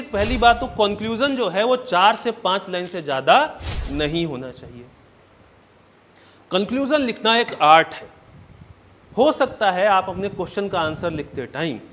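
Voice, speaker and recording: A high-voiced male exam coaching teacher gives a classroom lecture, his tone a bit bright over slight hiss or hum. He explains step by step, counts his points aloud, and keeps checking in with "right?" and "okay?"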